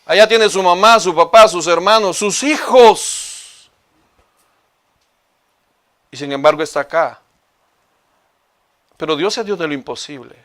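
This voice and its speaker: A male pastor preaches a passionate sermon directly to his congregation, calling listeners "hermano." His voice is high-pitched and a bit bright, unhurried, with frequent pauses.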